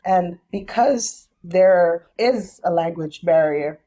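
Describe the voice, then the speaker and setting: Speaking slowly in a fairly low, mellow voice, a young adult woman and business founder appears as a guest on a podcast. It's a casual interview, and she lays things out step by step, thoughtful yet easygoing.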